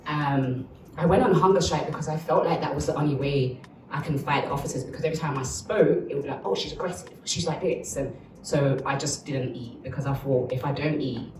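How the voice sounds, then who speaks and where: A woman's voice: rumbling low, echoey room, far from the mic, noisy background. A woman from Uganda, giving a candid, reflective documentary interview.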